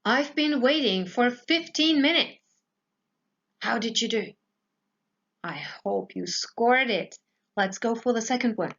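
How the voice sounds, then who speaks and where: A woman's voice: fairly high pitch, lively intonation, slow pace, vocal fry, long pauses, a bit bright, dull audio. A woman, an English teacher explaining grammar patiently step by step, often checking in with her pupils. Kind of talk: recorded grammar lesson for pupils.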